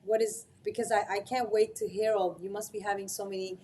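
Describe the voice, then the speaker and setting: A woman's voice: medium pitch, flat delivery, a little fast, mellow, a little hiss or hum. A woman hosting a podcast interview, asking questions in an effusive, gushing way. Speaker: podcast host. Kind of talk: casual interview talk.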